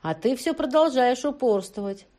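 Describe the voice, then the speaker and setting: A woman's voice: sits high, lively intonation, moderate pace, dark tone, voice pushed up. A woman voicing a menacing male kidnapper who barks threats and orders. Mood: threatening. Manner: threatening, barking.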